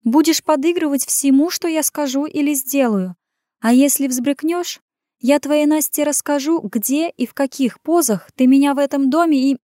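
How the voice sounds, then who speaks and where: A woman's voice: high-pitched, lively intonation, moderate pace, darkish tone, no echo, clean studio sound, pitched above the performer's own voice. A woman putting on a sly purring temptress. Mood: bossy. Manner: bossy and mocking. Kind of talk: audiobook character voice.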